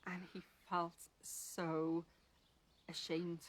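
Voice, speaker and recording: A woman's voice: lowish voice, monotone, very slow, a little hiss or hum. A woman leading a church Bible reading, talking in a chatty, informal way with lots of ums and restarts. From Wales. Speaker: church leader reading scripture. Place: church live stream.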